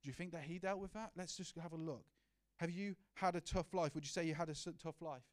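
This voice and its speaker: A man's voice: a little high, fast talker. A man preaching a sermon in an earnest, personal way, asking the congregation questions and sharing his own story. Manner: earnest, personal, with many restarts and rhetorical questions.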